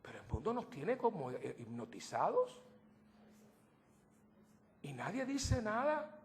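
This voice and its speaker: Animated priest preaching. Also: male voice, slow, slight background noise. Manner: animated, joking asides to the congregation; swings between loud outbursts and soft low asides. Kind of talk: sermon.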